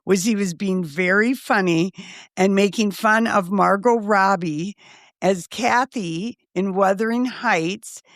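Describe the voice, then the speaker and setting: A woman's voice: medium pitch, slow pace, dry recording, studio quality. A woman co-hosting a pop culture podcast in casual chat, blunt, gossipy and irreverent. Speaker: podcast co-host.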